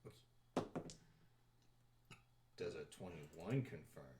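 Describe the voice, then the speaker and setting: A man's voice: a bass voice, takes it slowly. A man playing a tabletop game, casually calling out his rolls and joking. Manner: casual, rolls dice and counts aloud, laughs often. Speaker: player. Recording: echoey room with faint noise.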